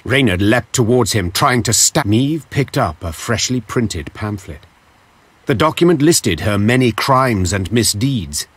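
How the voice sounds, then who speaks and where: Husky lowish guy telling a war story, wry measured game narration, storybook style. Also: dry recording. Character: male storyteller recounting a war tale. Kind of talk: scripted dramatic storybook narration.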